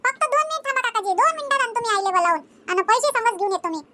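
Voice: very high voice, rapid-fire. A performer voicing a cheerful, eager small boy in a cartoon. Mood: excited. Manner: excited, chirpy.

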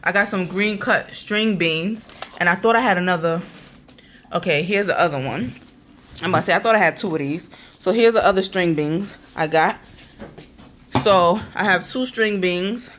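A woman talks chattily and casually to her viewers. Her voice sits fairly low. It is recorded on a handheld phone in an apartment kitchen. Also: moderate pace, fairly bright tone. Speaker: vlogger. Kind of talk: casual grocery haul vlog. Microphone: handheld phone camera.

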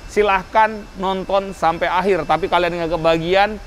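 A high-pitched male vlog host speaks through a face mask. He chats in an interviewing style, often repeating answers back, with faint noise from an open showroom behind him. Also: steady tone, moderate pace, fairly bright tone. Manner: chatty, repeats answers back with tag questions. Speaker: host of a car showroom review channel. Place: large open-fronted car showroom.

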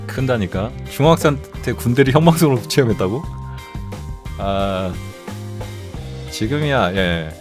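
A middle-aged man hosts a casual live stream in a voice of ordinary pitch that swings widely up and down. He tells his stories roughly, swearing all the time. Faint music plays behind him. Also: a little slow, pauses often. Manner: profane, animated storytelling with constant swearing. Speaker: streamer host.

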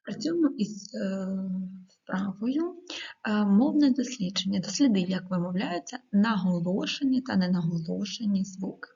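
A woman teacher giving a video lesson to schoolchildren, dictating words slowly and clearly with the odd hesitant filler. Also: mid-range voice, expressive, warm tone. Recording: dull lo-fi recording.

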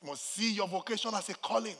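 A Nigerian man preaching a sermon as pastor, swinging from quiet asides to shouted, sing-song lines. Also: high-pitched, quick pace, husky, big-room sound.

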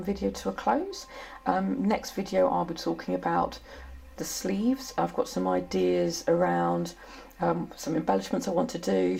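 A woman's voice: fairly low pitch, vocal fry, darkish tone, a little hiss or hum. A middle-aged woman with a chatty, self-deprecating manner, talking casually through her sewing project at home. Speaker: sewing vlogger. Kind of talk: casual sewing vlog chat. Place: home sewing room, indoors.

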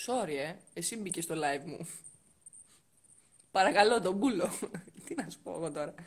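A woman's voice: fairly low pitch, lively intonation, slightly rough. A woman hosting a casual live stream from indoors, teasing and coaxing viewers and guests on a phone mic. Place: indoors next to a heater.

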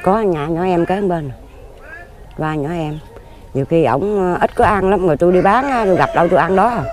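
Southern Vietnamese woman in her fifties, rapid. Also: on the low side, a little mellow. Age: 50s. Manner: plain-spoken, rambling and earnest. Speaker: interviewee, lottery ticket seller. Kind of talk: casual interview. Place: outdoors among graves.

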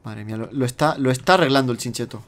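A man, chatting and playing a game with a friend, excitable and quick to shriek. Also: medium pitch. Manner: excitable, squeals and shrieks when startled. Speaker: gamer playing together online. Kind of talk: casual let's-play banter.

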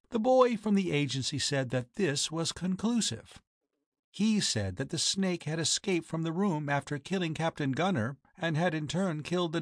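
A man's voice: fairly high pitch, no echo, studio quality. A man reading the lines of a proud, cold woman who keeps a boarding house, speaking formally and accusingly. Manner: formal, accusing, coolly biting.

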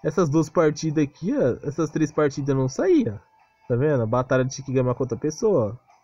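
Faint music plays behind a Brazilian gaming video creator as he delivers an unscripted, defensive rant over game footage. His voice is a little high, animated, brisk and warm, and the close, cheap-sounding mic cuts off the highs, while his tone stays exasperated and casual.

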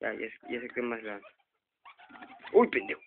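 On a tinny, lo-fi phone recording, a young man with a Mexican Spanish accent hosts a let's play of a horror game, cursing constantly and yelping in fright. His voice is lowish and expressive at a normal speed, with slight background noise.

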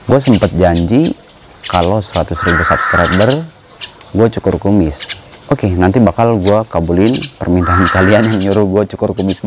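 Filmed on a phone, a deep-voiced man who keeps pet birds and hosts a channel chats casually with viewers beside his home cages, playfully coaxing the birds. Bird calls and clicks make the background noisy.

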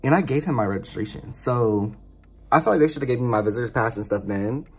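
A woman's voice: rumbling low, lively intonation, fast talker, darkish tone, slightly rough, soft background music. A young adult woman vlogging in a casual, exasperated rant, swearing freely as she talks. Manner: profane, exasperated ranting. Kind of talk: casual ranting vlog.

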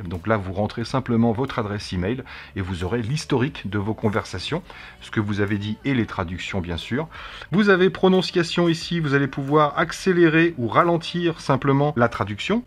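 A middle-aged man from France hosting a casual tech review, chatty and relaxed, often pausing to hesitate as he demonstrates a device. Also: medium pitch, breathy edge. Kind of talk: casual product demo.

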